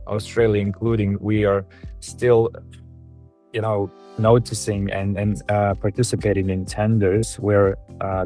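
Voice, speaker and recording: A man from Lithuania speaks as a panelist in a low voice, earnest and halting, with frequent restarts. Faint music plays behind him. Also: dark tone. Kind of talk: panel discussion.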